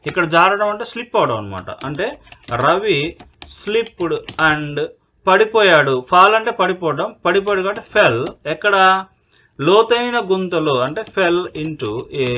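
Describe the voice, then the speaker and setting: A man with a bright, ringing voice teaches an English lesson, breaking each sentence into single words and stopping to ask himself what the subject is. His pitch rises and falls a lot, and he slows right down when he reads out whole sentences. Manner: explains word by word, asks and answers his own questions; dictates English sentences very slowly. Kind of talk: spoken English lesson in Telugu.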